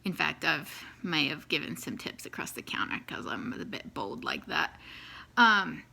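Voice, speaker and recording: A woman's voice: low-pitched, expressive, measured pace, creaky, bright, forceful tone. A New Zealand woman in her thirties telling her life story casually to the camera, with many ums and easy laughs.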